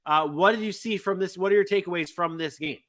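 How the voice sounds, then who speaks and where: A man's voice: sits high, quick pace, a bit bright. A man hosting a sports podcast, recapping games in casual chat and joking with his co-hosts. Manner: joking, tries to keep order. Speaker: podcast host.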